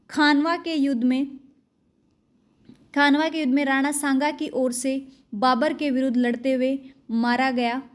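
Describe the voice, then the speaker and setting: A young woman teacher working quickly through exam questions, asking each question and then giving the answer. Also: high voice. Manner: fast, brisk question-and-answer delivery. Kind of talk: exam-prep quiz lesson.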